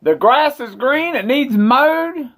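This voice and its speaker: A man's voice: very high voice, lively intonation, slow, a bit bright. A middle-aged man, chatting casually and rambling to camera in a folksy, talkative way. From West Virginia. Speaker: vlogger.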